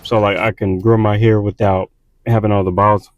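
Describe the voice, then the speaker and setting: A man's voice: lowish voice, flat delivery, brisk, a little mellow, muffled recording. A man from Texas with a Southern accent, tired from little sleep, rambling casually with lots of fillers and restarts while playing a game. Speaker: gaming streamer.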